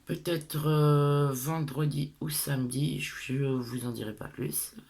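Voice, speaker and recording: A woman's voice: deep voice, fairly even intonation, slow, vocal fry, a little mellow. A middle-aged woman from France with a lisp on her s sounds, chatting casually to her followers in a hesitant, rambling, self-deprecating way. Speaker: craft tutorial vlogger.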